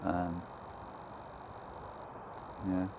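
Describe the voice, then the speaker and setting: Uneasy Liverpool man in dark woods. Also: low voice, completely flat delivery, very slow, vocal fry, noisy background. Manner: hushed, uneasy. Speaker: paranormal investigator. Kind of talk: calling out to spirits, talking to camera. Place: woods outdoors at night. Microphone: handheld camera.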